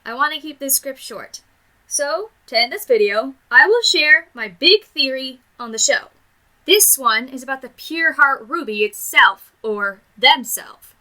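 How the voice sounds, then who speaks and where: A video reviewer reads a scripted review in a high, very bright voice, gushing like an eager fan. Her delivery is casual, emphatic and expressive, at a measured pace. The recording quality is low.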